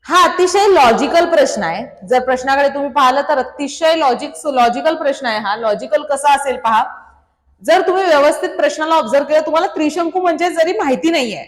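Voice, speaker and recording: Woman teacher with a Marathi accent, high voice, repeats her questions. Roomy, reverberant sound. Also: expressive, brisk. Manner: quizzes students, reads options, praises by name. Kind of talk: online exam-prep lesson. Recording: echoey room with long reverb.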